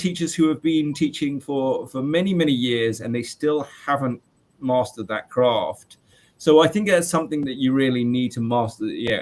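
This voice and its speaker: Chatty and loud, a man in his late forties who works as a teacher fields interview questions, often using fillers and starting over. His pitch is medium.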